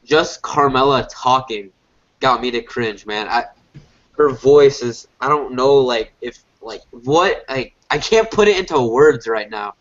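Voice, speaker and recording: A man's voice: mid-range voice, animated, measured pace, a bit bright. A man co-hosting a casual review podcast, congested as if a little sick, rambling with lots of fillers and restarts. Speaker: podcast co-host. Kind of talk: casual wrestling review chat. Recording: dull lo-fi podcast audio.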